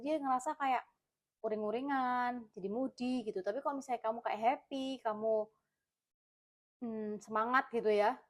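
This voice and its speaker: A woman with an Indonesian accent giving a casual tarot reading, chatty and repetitive, full of fillers. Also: a little high. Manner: chatty, repeats herself, many fillers. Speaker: tarot reader.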